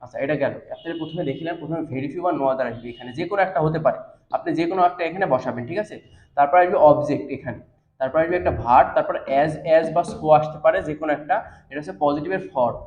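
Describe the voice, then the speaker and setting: Fast-talking male teacher in an echoey classroom. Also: on the high side. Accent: Bangladeshi Bengali. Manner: explains step by step, asks rhetorical questions. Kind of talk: classroom grammar lesson. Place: classroom with a board. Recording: echoey, dull classroom recording.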